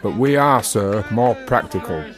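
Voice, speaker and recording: In a radio drama, a male actor plays an earnest working-class Victorian Freemason who declaims in lofty, archaic phrases. He's animated and preachy yet keeps a measured pace. Music plays beneath his voice.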